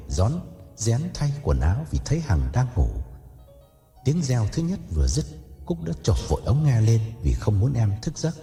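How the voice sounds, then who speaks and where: A man narrating an audio story in a dramatic, expressive way. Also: lowish voice. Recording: echoey reverb with faint music.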